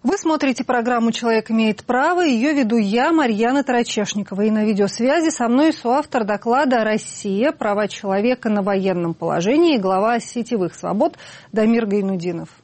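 A woman's voice: on the high side, expressive, a little fast, a little mellow. A woman hosting a TV rights program, asking polite questions with some hesitant fillers. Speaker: host. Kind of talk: interview on a TV program.

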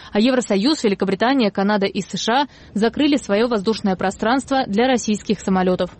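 A woman narrating a news report in an even, measured, scripted read. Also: fairly high pitch, no room sound.

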